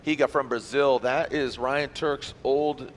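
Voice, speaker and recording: A man calling a live motorsport event as play-by-play commentator, upbeat and quick with banter and catchphrases. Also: mid-range voice, steady tone, slight background noise.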